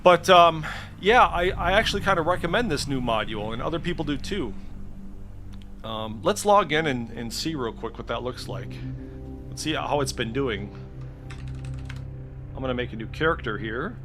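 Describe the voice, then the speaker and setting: Over music, a man with a slightly high, expressive voice talks at a moderate pace, pausing often. He's a tech video creator indoors at a computer doing a casual, unscripted screen-share walkthrough, thinking aloud hesitantly with the odd mild swear.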